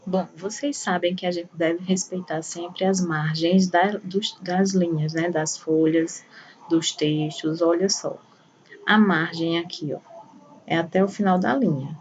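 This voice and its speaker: A woman's voice: lowish voice, steady tone, a little slow, darkish tone. A woman teacher giving a patient primary school lesson, walking through examples one by one. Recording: voice a bit far from the mic, faint room noise.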